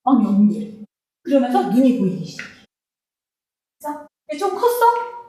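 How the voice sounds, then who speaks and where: A woman teaching an exam reading passage to students, asking them quick rhetorical questions as she explains. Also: high voice, huge pitch swings, dark tone. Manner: switches between Korean explanation and read-out English. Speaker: English teacher. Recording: very echoey room.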